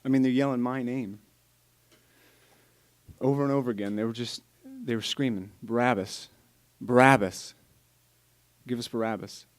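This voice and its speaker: A man's voice: mid-range voice, moderate pace, long pauses, lightly acted. A young man playing a freed criminal, telling it in a casual, incredulous, rambling way. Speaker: student actor.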